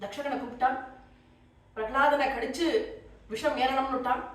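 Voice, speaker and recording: Sex: woman. Role: religious storyteller. Style: devotional story discourse, animated, with chanted verses. Pitch: high. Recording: very echoey hall, speaker far from the mic. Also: normal speed.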